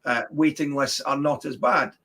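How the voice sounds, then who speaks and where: A man's voice: mid-range voice, steady tone, moderate pace, fairly bright tone. A man earnestly explaining policy in detail in a political interview, sometimes stammering on the start of words. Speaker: election candidate being interviewed.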